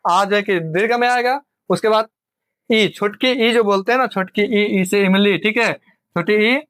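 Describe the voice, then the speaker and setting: A man's voice: sits high, measured pace, fairly bright tone, no echo. A man teaching a grammar lesson, who repeats points and asks and answers his own questions. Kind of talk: exam coaching lecture.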